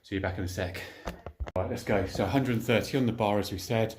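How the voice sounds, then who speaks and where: A man's voice: lowish voice, fast, a little mellow, slight background noise. Man chatting between weightlifting sets, echoey room. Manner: chatty, colloquial, talking while lifting weights between heavy sets. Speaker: fitness vlogger. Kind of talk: casual training vlog talk between sets.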